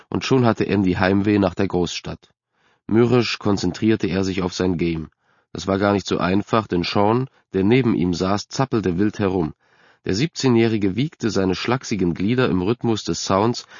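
A man reading a story aloud in a steady, measured way as an audiobook narrator. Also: sits low, no echo. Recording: dry, slightly dull recording.

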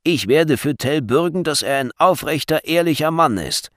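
A man's voice: a little high, expressive, moderate pace, fairly bright tone, no echo, studio quality, pitched above the performer's own voice. A man voicing a worried old grandfather in a storybook reading, pleading in a soothing way.

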